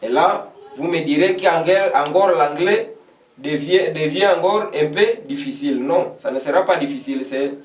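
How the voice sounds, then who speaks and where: A man's voice: a little high, recorded from a distance, slight background noise. Man teaching English in an echoey room. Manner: patient, repeats phrases many times, checks understanding. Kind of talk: classroom lesson explaining English in French.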